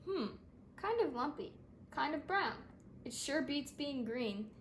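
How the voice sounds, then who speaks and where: A woman's voice: sits high, expressive, takes it slowly, roomy sound, far from the mic, a little hiss or hum. A woman voicing an impulsive, defiant young male snake in a storybook, with dramatic exclamations. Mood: relieved, pondering.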